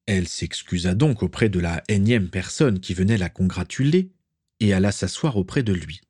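A man reading a story aloud as narrator, steady and measured. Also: sits low, breathy edge, dry recording, studio quality.

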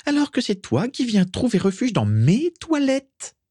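A man voicing a whiny, easily offended ghost schoolgirl with a squeaky, sing-song voice. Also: huge pitch swings, unhurried, warm tone, husky, dry recording, studio quality, heavily acted. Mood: indignant.

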